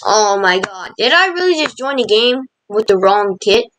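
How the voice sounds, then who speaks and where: A woman's voice: medium pitch, very animated, normal speed, fairly bright tone, a little hiss or hum, poor audio. A woman giving live gameplay commentary as a channel host, dramatic and exasperated, talking in casual slang.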